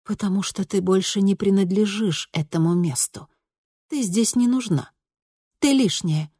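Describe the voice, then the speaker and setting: A woman voicing an eerie teenage double of a girl, speaking calmly with cool mockery. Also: medium pitch, a little slow, husky, voice pushed up. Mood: cold, calm. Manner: calm, coolly mocking.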